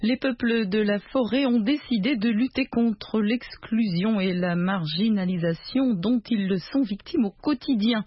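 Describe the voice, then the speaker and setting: A woman's voice: mid-range voice, husky, no room sound. Woman radio anchor reading the news. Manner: measured, formal reading with brief hesitations. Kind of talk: scripted news presenting. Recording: dry, slightly dull radio studio sound.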